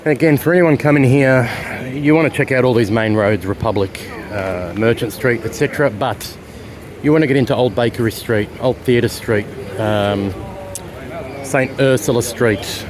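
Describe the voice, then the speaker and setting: A man's voice: medium pitch, normal speed. A man from Australia with an Australian accent, chatting casually as he narrates a walking tour outdoors on city streets. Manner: chatty, rambling, with fillers. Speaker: travel vlogger. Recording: street noise behind.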